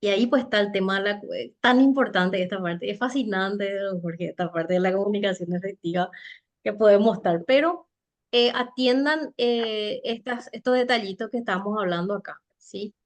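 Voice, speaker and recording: A woman giving a conversational seminar talk on soft skills, chatty and halting, often tagging her points with rhetorical questions. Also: mid-range voice. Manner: chatty, with frequent rhetorical tag questions and light laughs; loose, halting delivery with many fillers and restarts. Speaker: speaker teaching soft skills for network marketing.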